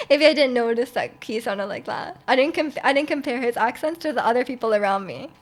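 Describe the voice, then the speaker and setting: Reading out viewer comments, a young woman streamer keeps things casual, talking briskly in a voice that's a little high. Her chat is full of laughter and sentences she starts over.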